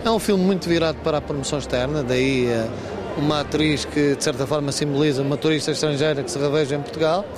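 A man's voice: a little high, fast talker, over music. A man in his fifties, a regional tourism official, giving a news interview at a trade fair stand and earnestly urging people to promote the region. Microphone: handheld reporter mic. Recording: background noise from fair hall.

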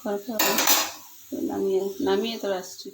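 A woman's voice: medium pitch, level tone, moderate pace, creaky, heavy background noise. A woman talking viewers through a home cooking recipe, chatty and pleading with them to try it. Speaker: home cooking channel host. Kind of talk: casual cooking demonstration voice-over.

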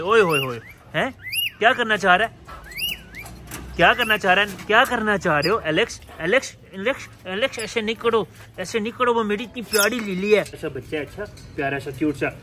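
A man's voice: sits high, slight background noise. Playful man filming his pets among chirping birds. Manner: chatty and playful, scolding and coaxing his animals. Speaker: pet and bird vlogger. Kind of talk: casual vlog narration talking to pets. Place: home yard with pet cages. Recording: outdoor recording with loud birdsong.

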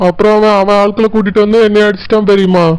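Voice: mid-range voice, little pitch movement, very fast, heavy background noise, close to an everyday voice. A performer voicing a subdued young village man with a broken arm, in a Tirunelveli accent. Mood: meek. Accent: Tirunelveli Tamil. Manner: meek, subdued. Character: meek injured young man.

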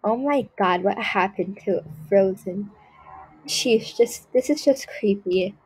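A woman's voice: medium pitch, slow pace, darkish tone, breathy edge, poor audio. A woman voicing a snobby, spoiled rich girl in a game role-play skit, talking with haughty disgust and lots of "like" and "ew". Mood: snooty. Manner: haughty, dismissive, full of "like" and "ew". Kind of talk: role-play skit voiced over gameplay.

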